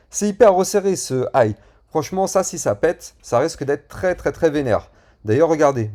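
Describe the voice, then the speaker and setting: A man's voice: on the high side, mellow. A man casually talking through crypto price charts and plugging his channel, with many fillers and bits of slang. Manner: chatty, with frequent fillers and slang. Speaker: crypto YouTuber. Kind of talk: chart analysis and channel promotion.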